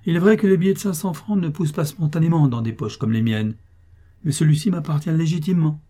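A man reading aloud and voicing a shabby, sly old male bailiff's clerk who talks in a wheedling, grandly flattering way. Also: a little high, fast talker, pitched above the performer's own voice, close to an everyday voice. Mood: sly, jovial.

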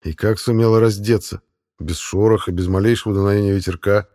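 A man narrating a first-person audiobook in a low, mellow, dark voice. His delivery is dry and sardonic, with deadpan asides. The tone stays even and unhurried.

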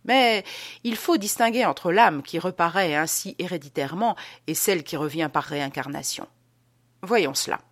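A woman's voice: lowish voice, lively intonation, moderate pace, no echo. A woman reading the part of a pompous man who lectures with emphatic rhetorical questions.

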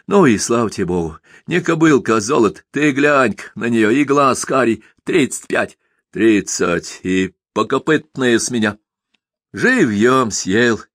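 A man's voice: medium pitch, expressive, unhurried, a bit bright, dry recording, studio quality. A man voicing a poor village peasant who haggles and grumbles in rustic speech. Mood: haggling.

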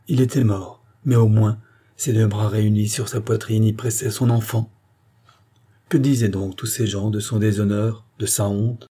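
Husky, dark-voiced male audiobook narrator. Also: on the low side. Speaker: audiobook reader. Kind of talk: scripted narration of a novel.

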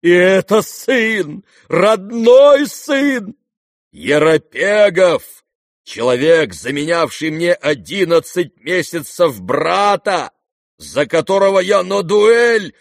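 A man's voice: lowish voice, animated, takes it slowly, no room sound, clean studio sound, heavily acted. A man voicing an old disgraced general in an audiobook, rambling and sentimental, given to theatrical outbursts. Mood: exalted. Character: old drunken disgraced male general, maudlin and boastful. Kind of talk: audiobook character reading.

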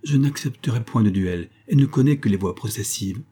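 A man's voice: lowish voice, animated, brisk, warm tone, breathy edge. A man reading the part of a stubborn, peevish magistrate husband, curt and indignant, in an audiobook.

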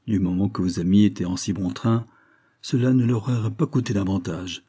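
Audiobook lead: a man voicing a calm young lawyer, dry and composed, husky low voice. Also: brisk. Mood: wry.

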